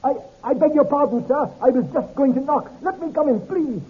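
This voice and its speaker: A man voicing a cringing, terrified stranger who pleads in a shrill, hysterical voice, in 1930s radio acting style. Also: a little fast, a little hiss or hum. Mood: pleading. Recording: lo-fi old radio transcription.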